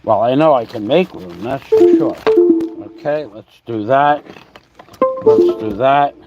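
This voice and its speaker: A man's voice: medium pitch, takes it slowly, muffled recording, over loud music. A man from the New York and New Jersey area hosting a livestream, chatting in a meandering way, spelling words out letter by letter and talking while he adjusts his camera. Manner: talks while fiddling with his camera setup. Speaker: livestream host. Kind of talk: rambling livestream chat.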